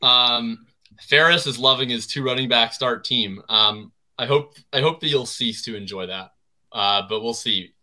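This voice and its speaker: Male podcast host, very bright tone, easygoing chat with ready laughs. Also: mid-range voice, a little slow. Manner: chatty, laughs easily. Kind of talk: casual fantasy football chat.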